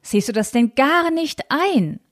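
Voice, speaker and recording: A woman reading aloud and voicing a determined, free-thinking young woman writer who calmly stands her ground. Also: high-pitched, slow pace, voice pushed up.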